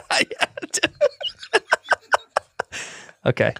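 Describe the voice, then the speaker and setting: A man's voice: no echo, clean studio sound. A man co-hosting a comedy podcast, teasing his partner in casual banter and laughing often. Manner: teasing, laughs often, breaks into loud high laughs. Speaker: podcast co-host.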